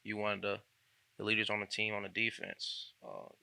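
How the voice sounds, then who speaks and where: Young man, host, relaxed slangy chat, low gravelly voice. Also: a little fast, no echo. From Indianapolis. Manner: laid-back, slangy, filler-heavy. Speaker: podcast host. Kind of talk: casual interview chat.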